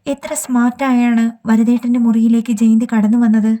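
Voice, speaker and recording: A woman reading an audiobook, voicing a man who gently reassures a friend over the phone. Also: a little high, fairly quick, lightly acted. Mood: reassuring. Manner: gentle, steady encouragement.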